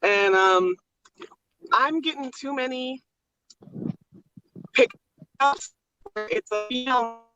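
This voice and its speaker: A woman calling in to a talk show over a car speakerphone while driving. She sounds muffled, as if in a tunnel, and talks in a halting, casual way with many ums. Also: sits high, lively intonation, music in the background. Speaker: caller. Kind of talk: casual call-in chat.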